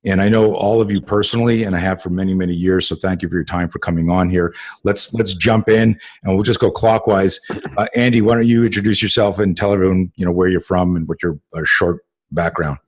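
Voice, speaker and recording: A man's voice: deep voice, steady tone, fairly quick. A man hosting a casual group call, rambling with many fillers and swearing freely. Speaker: podcast host.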